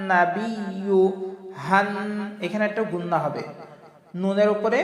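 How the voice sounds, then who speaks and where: A man teaching a slow recitation lesson, patiently repeating phrases and stretching out the vowels. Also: high voice, creaky. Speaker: religious teacher. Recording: echoey room with long reverb.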